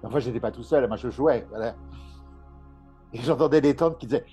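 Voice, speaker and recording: Man, middle-aged, mellow low-toned voice, casual storytelling, laughs a lot, faint music underneath. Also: a little fast, slightly rough. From Paris. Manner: chatty storyteller, laughs often, many restarts. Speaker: medium and author, interview guest. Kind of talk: casual conversational interview.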